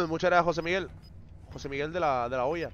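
A man's voice: fairly high pitch, fairly quick, a bit bright, lo-fi sound, slight background noise. A man chatting on a live game stream, teasing his chat with slangy banter.

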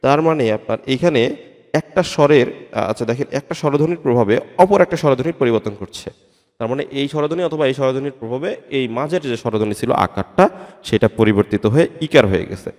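A man teaching an exam-prep grammar lesson, explaining slowly and spelling out sounds letter by letter, repeating terms and checking with "right?". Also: medium pitch, expressive, a little mellow. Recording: long hall reverb.

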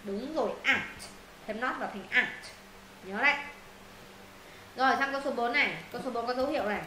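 A woman teaching an English lesson to her students, walking them through answers and firing quick questions to check they follow. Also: on the high side, bright, forceful tone. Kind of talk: classroom lesson explaining answers. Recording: roomy echo, faint noise.

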